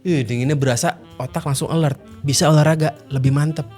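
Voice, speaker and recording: A man's voice: a little high, fast. A man hosting a casual commentary, blunt and mocking in manner. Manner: blunt, mocking, animated slang-heavy talk. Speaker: host. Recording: faint music underneath.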